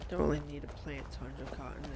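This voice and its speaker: A man's voice: on the high side, flat delivery, quick pace, gravelly, noisy background. A man giving casual, rambling let's-play commentary, often stopping to correct himself. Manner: rambling, self-correcting, many fillers. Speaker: gameplay commentator.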